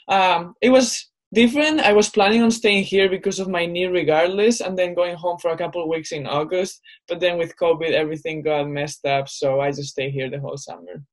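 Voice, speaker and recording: A woman's voice: lowish voice, rough recording. A young woman from northern Spain, a college basketball player talking casually as a podcast guest. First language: Spanish. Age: young adult. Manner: relaxed, conversational, many fillers like "you know". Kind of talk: casual interview.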